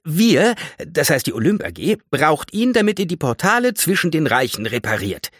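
A man voicing a condescending young female tree nymph in a storybook reading, raised high above his own voice. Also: big pitch swings, moderate pace, fairly bright tone, no room sound, studio quality. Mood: haughty. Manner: condescending, know-it-all.

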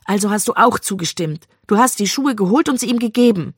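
Reader doing a furious young wife, high and shrill, dry audiobook sound. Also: animated, a little fast, breathy edge, no echo. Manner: shrill, shouting in outrage. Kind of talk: audiobook reading.

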